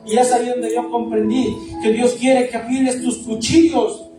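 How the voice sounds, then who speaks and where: A man preaching a testimony sermon as an evangelist, impassioned and repetitive, building up to shouts. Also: extremely high pitch, little pitch movement, moderate pace. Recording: echoey far-off hall with music. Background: music.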